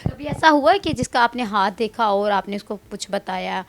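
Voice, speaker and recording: A woman's voice: medium pitch, expressive, vocal fry. Polite woman interviewer. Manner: polite, encouraging questions. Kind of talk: casual interview.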